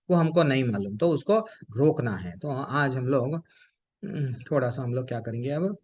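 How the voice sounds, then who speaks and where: A man's voice: a little high, lo-fi sound. A man leading an online devotional class. He keeps asking rhetorical questions and answers them himself, and he addresses his listeners with devotional honorifics.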